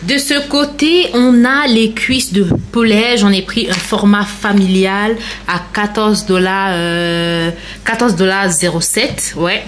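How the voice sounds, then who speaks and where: A lifestyle vlogger narrates a casual grocery haul, chatting and explaining things straight to her viewers. Her medium-pitched voice is steady and slow, with a little hiss or hum in the background.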